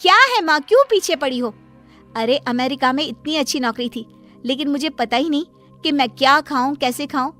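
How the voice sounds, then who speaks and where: A woman's voice: sits high, steady tone, normal speed, a bit bright, soft background music. A woman voicing a spoiled, lazy young daughter in a cartoon story, talking in a whiny, careless way.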